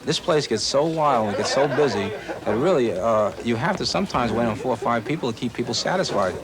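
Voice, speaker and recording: A man's voice: medium pitch, expressive, brisk, crowd noise. A man from Western Pennsylvania, a shoe salesman, eagerly telling stories in a busy shoe store and acting out his customers. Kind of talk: interview and on-the-job talk. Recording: 1980s news film with faint ambience.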